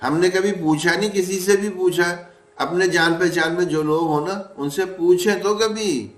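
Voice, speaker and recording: Male teacher, patient and questioning, draws out example words; slightly high voice, distant mic. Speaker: Quran recitation teacher. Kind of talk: recorded lesson. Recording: echoey room, mic at a distance.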